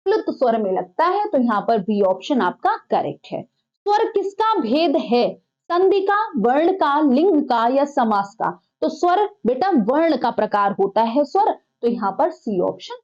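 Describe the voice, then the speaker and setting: A woman's voice: high-pitched, big pitch swings, a little slow, darkish tone, highs cut off. A woman teaching an exam-prep lesson, putting questions to the class and then answering them herself. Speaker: Hindi teacher.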